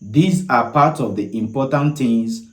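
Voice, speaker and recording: A man with a Nigerian accent gives an instructional lesson as a language teacher, with deliberate, formal phrasing. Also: medium pitch, roomy sound, low-quality recording.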